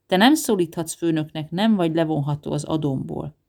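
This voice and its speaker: A reader voicing a gruff, sardonic older man who lectures with dry sarcasm in an audiobook. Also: mid-range voice, lightly acted. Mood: teasing.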